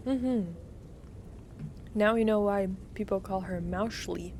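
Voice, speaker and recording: A woman's voice: mid-range voice, takes it slowly, a little mellow, a little hiss or hum. A woman giving casual live commentary while playing a game for her stream, giggling often and chatting to her viewers.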